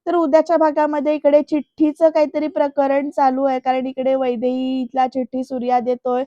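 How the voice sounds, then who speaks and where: High-voiced woman recapping a serial. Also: completely flat delivery, moderate pace, mellow, dry recording, highs cut off. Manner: chatty, addresses the viewers directly. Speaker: TV serial reviewer. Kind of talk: chatty episode recap.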